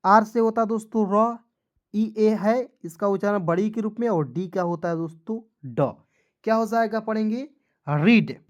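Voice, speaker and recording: A woman's voice: mid-range voice, normal speed, darkish tone, lo-fi sound. A woman teaching English phonics to beginners, spelling words letter by letter, then saying each one and checking that listeners follow.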